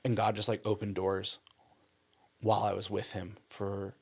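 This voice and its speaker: A young man, a missionary guest, telling his story in a casual interview, animated and full of "like" and "um". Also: fairly low pitch, moderate pace, creaky. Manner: animated storyteller, acts out quotes, frequent "like" and "um".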